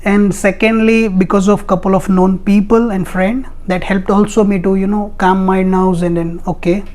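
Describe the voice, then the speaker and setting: A man's voice: sits high, level tone, moderate pace, a little mellow. A man from India in his thirties, a guest in a casual interview, who speaks hesitantly with many fillers and loose grammar.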